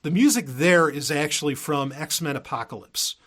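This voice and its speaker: Speaking at a normal pace, this podcast host has a fairly high, somewhat bright voice with lively intonation. He delivers a casual, rambling monologue, interrupting himself often and wandering into hedged tangents.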